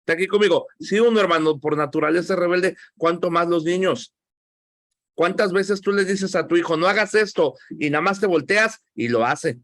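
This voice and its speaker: A man's voice: high-pitched, moderate pace, a bit bright, no room sound, studio quality. A man with a Mexican accent teaching a Bible class, talking conversationally and asking the class questions.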